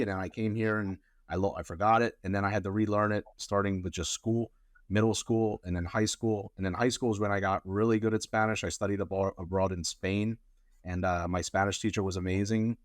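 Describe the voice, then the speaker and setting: Man, deep low voice, rambling casual answers, lots of fillers, dry recording. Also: no echo. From Colombia. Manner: rambling, many fillers and restarts. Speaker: immigration lawyer, guest.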